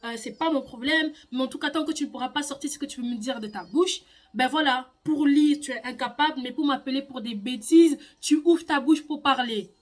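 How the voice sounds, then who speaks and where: A woman's voice: high-pitched, fairly quick, lightly acted. A young woman voicing a stern, condescending female schoolteacher who scolds a pupil. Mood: scolding.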